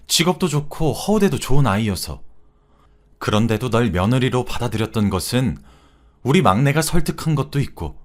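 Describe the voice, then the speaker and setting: A man's voice: mid-range voice, voice pushed up, close to an everyday voice. A man doing a stern older mother. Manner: reproachful, lecturing. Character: stern older mother scolding her daughter-in-law.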